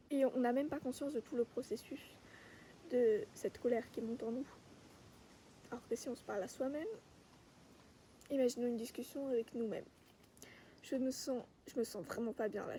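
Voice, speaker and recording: A woman vlogger giving a calm, reflective monologue outdoors among trees, sometimes dropping to a whisper. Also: fairly high pitch, a little hiss or hum. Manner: calm, soft-spoken, sometimes drops to a whisper.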